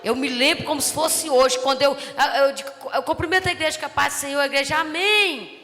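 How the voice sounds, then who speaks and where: In a reverberant church hall, with soft music playing beneath her, a woman pastor with a Brazilian Portuguese accent delivers a brisk testimony sermon. Her high, bright, ringing voice tells her story with lively energy that builds into fervent shouts.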